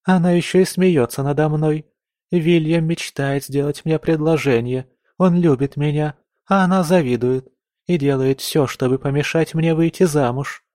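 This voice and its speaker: A man's voice: on the high side, darkish tone, no echo, studio quality, pitched above the performer's own voice, natural voice. A man voicing a tearful, petulant young noblewoman. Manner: whiny and sobbing, quick to anger.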